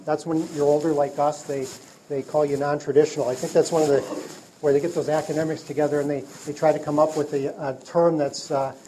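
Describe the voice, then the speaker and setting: A middle-aged man giving a speech to a trade group, telling stories in a halting way with many fillers and restarts. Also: a little high, warm tone, slight background noise, rough recording. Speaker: speaker addressing a trade group. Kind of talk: public speech with storytelling.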